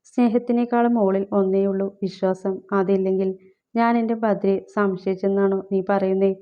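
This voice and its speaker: A woman's voice: medium pitch, fairly even intonation, normal speed, lightly acted. A woman voicing a grieving young husband who pleads bitterly for news of his missing wife, on a slightly dull recording. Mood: pleading.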